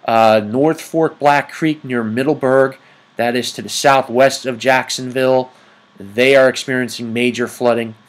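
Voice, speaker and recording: A man presents an informal weather report over maps, speaking haltingly with frequent ums as he goes. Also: medium pitch, fairly even intonation. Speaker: amateur weather report host.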